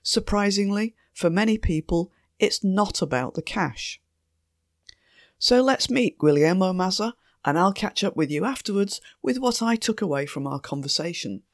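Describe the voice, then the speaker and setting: Croaky-voiced woman hosting a podcast. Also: medium pitch, lively intonation, moderate pace, dry recording, clean studio sound. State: hoarse from a cold. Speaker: podcast host. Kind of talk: scripted podcast introduction.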